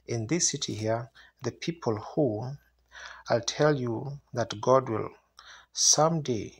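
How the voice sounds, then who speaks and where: Male evangelist for revival preaching: husky, creaky voice, earnest address to the congregation. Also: medium pitch. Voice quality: raspy, gravelly. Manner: earnest, asks listeners rhetorical questions.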